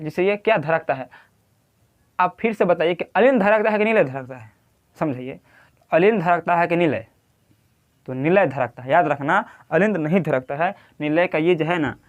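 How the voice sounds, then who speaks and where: A man with a Bihari accent teaching a lecture, who keeps asking the class questions and repeating key terms. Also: a little high. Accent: Bihari Hindi. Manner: quizzing, repeats key terms, drawing at a board.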